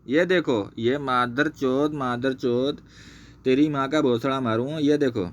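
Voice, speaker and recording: A man's voice: mid-range voice, steady tone, a little slow. A man ranting angrily, swearing constantly and repeating himself while pointing things out on screen. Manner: angry, heavily profane, repetitive. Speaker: channel host exposing a former associate. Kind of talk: screen-share rant.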